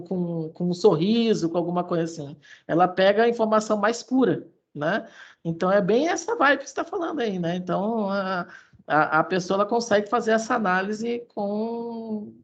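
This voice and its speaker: A woman, a guest expert explaining how the voice carries emotion in a halting way, with many restarts. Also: mid-range voice. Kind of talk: explanatory conversation.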